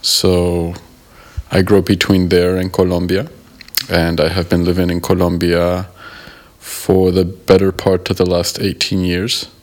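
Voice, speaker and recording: A man from the United States, a guest in an interview, answering in a thoughtful, measured way and pausing to rephrase. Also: deep voice, completely flat delivery. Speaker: guest, member of an art collective.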